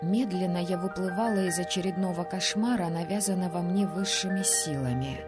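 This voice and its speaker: A woman reading first-person narration for an audiobook in an even, measured way. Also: lowish voice, over loud music.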